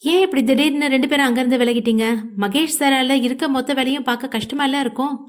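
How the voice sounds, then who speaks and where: A woman voices a caring young wife in an audio novel, full of questions. Her voice sits a little high and soft. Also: fairly even intonation, fast, close to an everyday voice.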